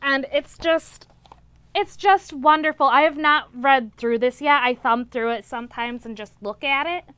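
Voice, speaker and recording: A young woman hosts a casual book vlog as a reviewer, chatting enthusiastically, gushing, and repeating words for emphasis. Her high-pitched, fairly bright voice is unhurried, with no echo.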